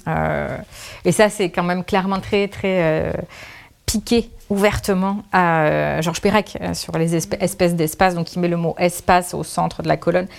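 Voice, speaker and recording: A woman with a lowish, fairly even voice and some vocal fry speaks at a moderate pace. She's an author and guest answering interview questions casually, thinking aloud with lots of restarts, fillers and trailing phrases.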